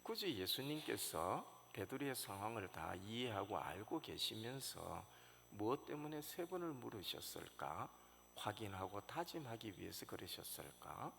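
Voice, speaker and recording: Gravelly pastor preaching in an echoey church. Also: male voice, on the low side, very animated, normal speed. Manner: storytelling with sudden loud rises and hushed drops. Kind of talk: sermon. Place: church sanctuary. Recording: reverberant church hall, faint noise.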